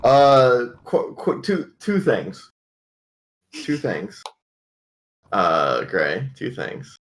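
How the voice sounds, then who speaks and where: A man chatting casually as a player in a tabletop game, halting and repeating his words. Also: medium pitch, very animated, a little hiss or hum.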